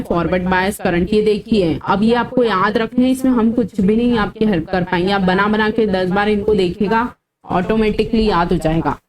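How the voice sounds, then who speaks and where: A woman with a mid-range voice gives an online exam-prep engineering lecture over poor audio. She explains formulas step by step, mixes in English terms, tells students what to memorize, and scolds them about comments.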